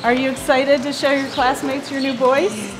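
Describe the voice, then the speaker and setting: A woman's voice: high-pitched, flat delivery, normal speed, soft background music. A woman reporter who interviews and explains in a friendly way and laughs easily.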